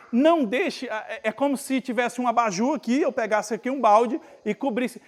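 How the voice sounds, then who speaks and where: A male pastor with a northeastern Brazilian accent preaching a conversational sermon at a retreat, acting out Bible scenes with lively everyday speech. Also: very high voice. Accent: Brazilian Portuguese, northeastern.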